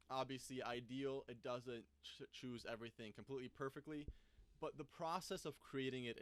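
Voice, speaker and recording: A man giving a casual screen-recorded software tutorial, thinking aloud as he clicks through the app. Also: medium pitch, clear, resonant tone. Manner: thinks aloud while clicking, loose and conversational. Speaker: software reviewer.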